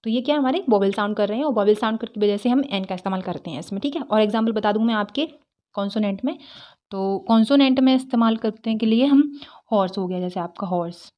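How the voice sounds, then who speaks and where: A woman's voice: medium pitch, fast, mellow. Woman teaching English grammar. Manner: explains step by step with many rhetorical questions and repeated "theek hai". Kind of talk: explaining grammar lesson.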